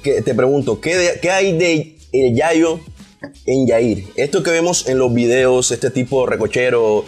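A man's voice: mid-range voice, unhurried, a little mellow. Male interview host, Barranquilla coastal accent, mid-range voice, informal delivery over faint music. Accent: Colombian Caribbean coast, Barranquilla. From Colombia. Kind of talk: casual interview hosting.

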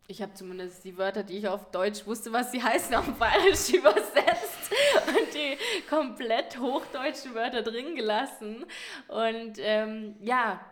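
A young adult woman, a podcast guest, telling a story in casual chat, animated and often laughing as she goes. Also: medium pitch.

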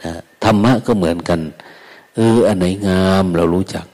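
An older monk gives a gentle, unhurried Dharma talk with a low, warm voice. He speaks in a folksy way and drops in little quoted remarks. His voice carries a long reverb, as if he is in a large hall. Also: steady tone. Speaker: Buddhist monk.

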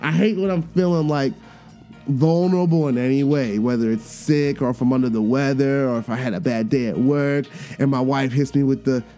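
A man's voice: mid-range voice, normal speed, soft background music. A man in his thirties hosting a podcast, talking candidly in a casual monologue, telling stories animatedly and laughing at himself. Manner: animated storytelling, acts out voices, laughs at himself. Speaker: podcast host.

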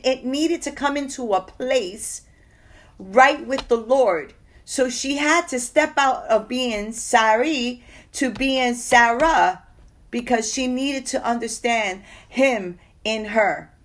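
A woman's voice: mid-range voice, a bit bright. A woman sharing a personal testimony in a sermon, telling the story earnestly and quoting others along the way.

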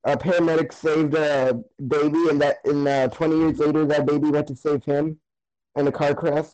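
A young man in a casual chat, halting and trailing off. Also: a little high, level tone, darkish tone, no room sound, low-quality recording. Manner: halting, trails off mid-sentence.

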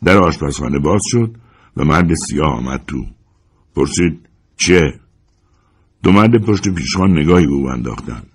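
A man narrating a short story as an audiobook reader, in a measured, dramatic way. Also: a bass voice, animated, slightly rough. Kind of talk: scripted narration.

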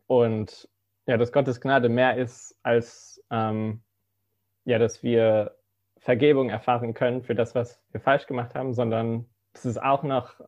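This student ministry intern, a man in his twenties who grew up in the Philippines, speaks at medium pitch, and the recording has its highs cut off. His testimony comes out softly and hesitantly, packed with fillers.

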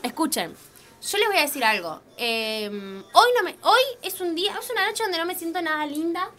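A woman's voice: extremely high pitch, lively intonation, moderate pace, sharp tone. A young woman with a Rioplatense accent, co-hosting a stream in casual, teasing, blunt chat. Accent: Rioplatense Spanish. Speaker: stream co-host.

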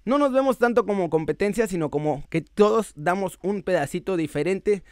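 A man's voice: sits high, animated, moderate pace, clear, resonant tone, no echo, studio quality. A young man with a Mexican accent, chatting casually about football news to his viewers in a slangy, joking way. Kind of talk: casual sports vlog.

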